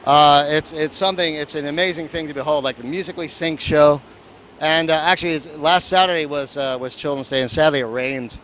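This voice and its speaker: With a fairly high, slightly bright voice and fairly even intonation, this festival producer talks briskly. He rambles and jokes, full of fillers, through a casual street interview held outside at a seaport, where faint street noise and traffic linger in the background.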